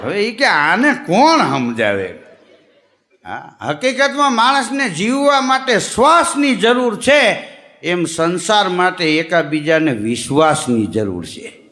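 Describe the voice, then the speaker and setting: Animated high-voiced comic storyteller. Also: male voice, measured pace. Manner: lively joke-telling, acting out characters' lines. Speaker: stand-up comedian. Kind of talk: comic storytelling to a live audience. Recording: long hall reverb.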